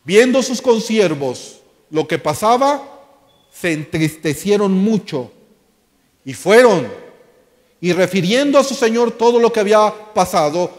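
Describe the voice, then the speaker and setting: A man preaching a sermon, slow and emphatic, asking the congregation rhetorical questions. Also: high-pitched, lively intonation. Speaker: pastor. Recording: long church hall reverb.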